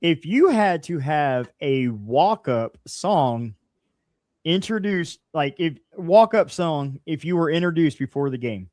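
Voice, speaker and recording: A man's voice: fairly high pitch, expressive, slow pace, a little mellow, no room sound, studio quality. A man co-hosting a podcast interview, asking questions in an easygoing, slightly rambling way. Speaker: podcast co-host.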